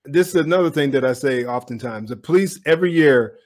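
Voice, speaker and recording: A man's voice: mid-range voice, expressive, brisk, darkish tone. A man giving opinionated commentary on a police video, speaking bluntly and directly to his viewers.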